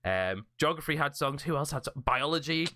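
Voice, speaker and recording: A man's voice: fairly high pitch, lively intonation, normal speed, pushed and bright, slight background noise. A man from the north of England, co-hosting a podcast in casual, jokey chat and laughing often. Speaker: podcast co-host.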